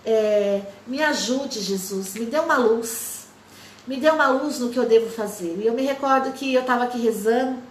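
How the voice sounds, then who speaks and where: A woman's voice: fairly high pitch, reverberant, slight background noise. A woman in her forties, a lay missionary, giving an emotional testimony sermon and acting out the dialogue of her story.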